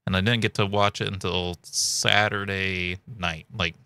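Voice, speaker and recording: A man hosts a casual commentary video in a fairly low voice with a creaky edge. He talks conversationally, close to the mic in a dry home setup. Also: fairly even intonation, unhurried, sharp tone, dry recording. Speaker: video host giving thoughts and theories.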